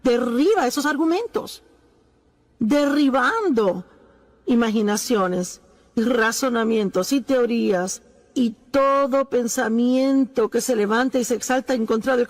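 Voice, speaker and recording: A high-pitched woman delivers a dubbed sermon as a preacher's voice-over. She speaks earnestly, leaning on key phrases and repeating them for emphasis, with pauses between points.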